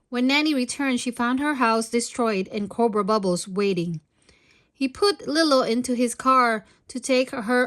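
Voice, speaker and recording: Reading a children's storybook aloud, a woman with a fairly high voice narrates in an expressive read-aloud style.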